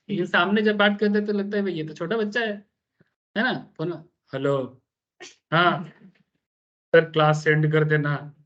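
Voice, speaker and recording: A man's voice: high voice, lo-fi sound. A man giving a chatty, wandering classroom lecture on tax and often checking in with his students. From Bengal, India. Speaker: tax teacher.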